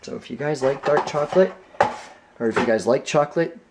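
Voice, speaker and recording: A man's voice: medium pitch, brisk, heavy background noise. A young man talking casually to his camera while shopping and baking, joking and laughing as he goes. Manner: chatty and joking, laughs often. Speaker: vlogger. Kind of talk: casual vlog chat. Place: home kitchen and a store.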